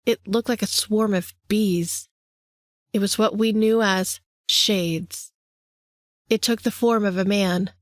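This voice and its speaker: A woman reading a thriller audiobook in measured, deliberate narration. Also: medium pitch, dry recording, studio quality. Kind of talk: scripted narration.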